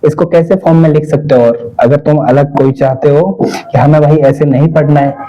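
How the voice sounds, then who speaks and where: Coaxing male teacher, mellow lo-fi classroom sound. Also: fairly high pitch, steady tone, moderate pace. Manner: coaxing, quizzes students with repeated questions. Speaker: physics teacher. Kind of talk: classroom lecture.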